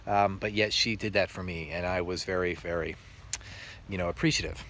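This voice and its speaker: Teacher guy, kinda low voice, earnest and halting, slight hiss behind him. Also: steady tone, fairly bright tone. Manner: earnest, halting, with frequent pauses. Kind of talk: reflective storytelling monologue.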